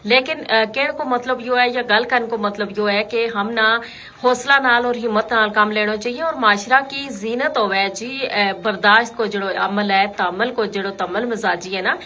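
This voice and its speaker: A woman's voice: fairly high pitch, moderate pace, bright, forceful tone, a little hiss or hum. A woman hosting a radio call-in show, talking to listeners in an unscripted, explanatory, conversational way. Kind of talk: unscripted talk radio commentary.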